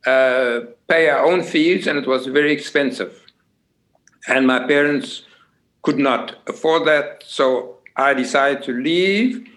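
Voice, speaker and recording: Slow, halting older South African man. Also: mid-range voice, a bit bright, rough recording. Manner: hesitant, halting with many fillers. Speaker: guest. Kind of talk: conversational family interview.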